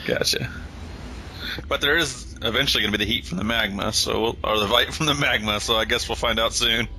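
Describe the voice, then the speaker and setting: A man's voice: mid-range voice, fairly quick, pushed and bright. A man playing a tabletop game, chatting casually and jokingly with the group. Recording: noisy room recording.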